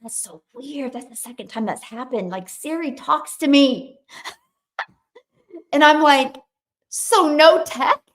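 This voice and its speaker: A woman's voice: sits high, animated, slow pace, long pauses. A woman gives an emphatic motivational talk, repeating lines for effect and acting out her own past thoughts. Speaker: motivational speaker.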